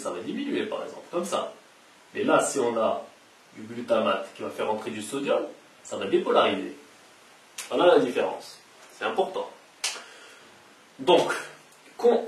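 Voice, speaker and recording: A man giving a casual science lecture, explaining step by step and repeating the key terms. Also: mid-range voice. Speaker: science educator. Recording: roomy echo, distant mic, faint hiss.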